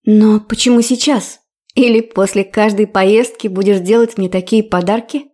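A woman's voice: mid-range voice, steady tone, moderate pace, a little mellow, natural voice. A woman voicing an earnest, worried young queen in a storybook reading.

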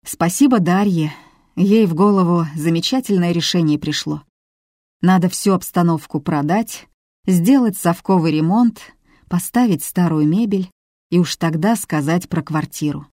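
Here is a distraught grown son who confesses in a hesitant, apologetic way, read by a woman. The voice sits low and dark. It is recorded dry and close, like a studio audiobook. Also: unhurried, no room sound. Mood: crushed, confiding.

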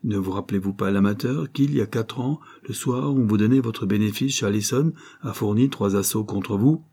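Man doing sharp confident detective, brisk and sure of himself, husky kinda dark voice. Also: lowish voice. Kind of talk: audiobook character voice.

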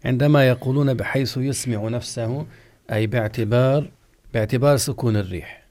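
A man, an Islamic scholar, giving a religious lesson and explaining rulings slowly and deliberately, drawing out example words as he pronounces them. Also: medium pitch, darkish tone. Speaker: Islamic scholar teaching jurisprudence. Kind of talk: religious lesson, question-and-answer.

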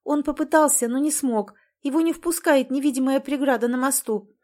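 A woman's voice: high voice, moderate pace, a little mellow, pitched above the performer's own voice, close to an everyday voice. A woman voicing a wry, evasive young woman who dodges hard questions, in an audiobook. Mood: explaining. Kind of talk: audiobook character voice.

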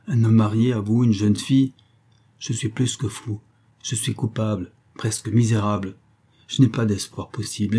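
A man's voice: fairly low pitch, dark tone, slightly rough. A man reading an audiobook voices a jealous married man pleading his feelings. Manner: pleading, impassioned.

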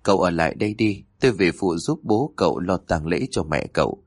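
A man's voice: sits low, expressive, a little fast, slightly rough, dry recording, clean studio sound, full character voice. A man voicing a stern elderly male exorcist who speaks in urgent, commanding tones. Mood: grave.

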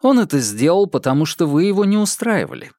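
A man doing a calm, sly smooth-talker. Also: high-pitched, brisk, no room sound, studio quality, voice pushed up. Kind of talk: audiobook character voice.

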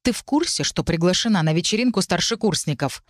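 A hoarse young necromancer speaks in low, strained tones as a woman reads him aloud. He is brooding and tense. The sound is dry and close, with no room around it. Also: lively intonation, fairly quick, no room sound. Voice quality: hoarse, low-pitched whisper. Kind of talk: audiobook character reading.

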